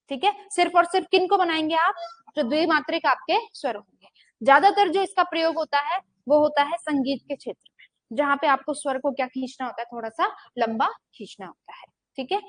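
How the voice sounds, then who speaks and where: A young woman with a high voice teaches grammar in a steady lecture rhythm. She asks the class a question, pauses, and answers it herself, and she stretches vowels out to demonstrate them. The recording is close and dry, with no room sound. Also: no echo. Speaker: Hindi teacher.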